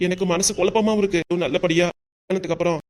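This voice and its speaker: A man's voice: high-pitched, fairly even intonation, a little mellow, lightly acted. A man playing a worried, widowed older father in a cartoon, pleading with his daughter in a southern Tamil dialect. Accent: Tamil, southern Tamil Nadu dialect. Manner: pleading, emotional, fast-talking.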